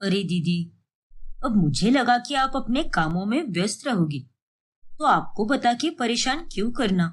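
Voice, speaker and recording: A woman voicing a gentle young wife who pleads softly and sounds subdued. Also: fairly high pitch, expressive, a little slow, pitched below the performer's own voice.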